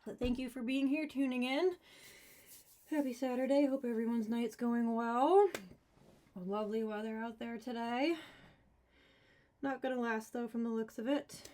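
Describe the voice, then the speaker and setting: Slightly high woman thinking aloud while gaming. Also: fairly even intonation, unhurried, pauses often, mellow. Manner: thinks aloud, counts cards, talks to herself; casual, mildly exasperated asides. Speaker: board game streamer. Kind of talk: live-streamed solo board game playthrough.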